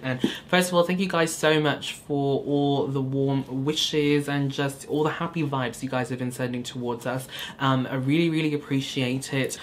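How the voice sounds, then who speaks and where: A man's voice: a little high, a little hiss or hum. A young man from Hong Kong, chatting casually with viewers while doing his makeup, with lots of ums and likes. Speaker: beauty vlogger. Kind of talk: casual get-ready-with-me chat. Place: small indoor studio corner.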